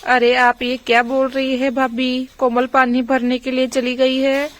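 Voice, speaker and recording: A woman's voice: high voice, completely flat delivery, measured pace. A woman voicing a young village man, a helpful brother-in-law who speaks eagerly and reassuringly, in a doll story role-play.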